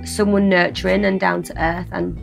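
A woman's voice: lowish voice, little pitch movement, gravelly, soft background music. An actress playing a witty, bossy young woman on a video date in a game. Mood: teasing. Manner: brisk, bossy, teasing. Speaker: dating-game character. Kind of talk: scripted video-date acting.

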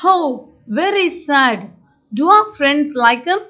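A woman's voice: high-pitched, sing-song, slow, pushed and bright, heavily acted. A woman voicing a kind schoolchild in a school puppet show. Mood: friendly. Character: kind schoolchild Raji, friendly.

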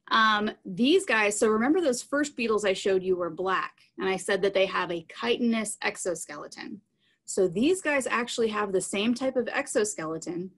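A science educator in her thirties, a woman with a mid-range voice, shows live animals to children and answers audience questions in an informal live session. She explains things in plain, simple words. She speaks from a small room at home into a computer mic on a video call.

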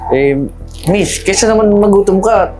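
An actress playing a kind stranger woman who softly coaxes someone to eat. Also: mid-range voice, a little slow, faint music behind, natural voice, poor audio. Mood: coaxing. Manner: soft, gentle coaxing.

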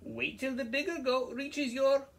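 A man voicing a tiny, timid male billy goat in a read-aloud picture book, squeaky and pleading. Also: fairly even intonation, measured pace, fairly bright tone.

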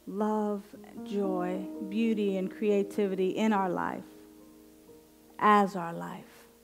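A woman minister leading a guided affirmative prayer in slow, deliberate, meditative phrases with long pauses. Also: medium pitch, little pitch movement, faint music behind. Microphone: headset microphone.

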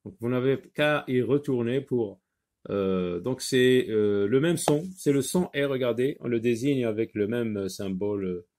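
Male teacher going slow over a reading lesson, kinda gravelly, says every word a few times. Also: mid-range voice, darkish tone. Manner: slow, patient, repeats words aloud for pupils. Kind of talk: recorded French reading lesson.

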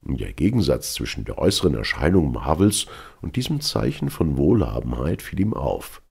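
A man reading a classic novel aloud in measured literary narration. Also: extremely low pitch, big pitch swings, creaky, a little mellow, breathy edge. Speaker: audiobook narrator. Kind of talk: scripted narration.

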